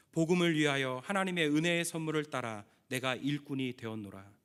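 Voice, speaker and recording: A middle-aged man preaching a sermon as pastor, earnest, acting out quoted prayers now and then. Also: fairly high pitch. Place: church sanctuary. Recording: long church reverb.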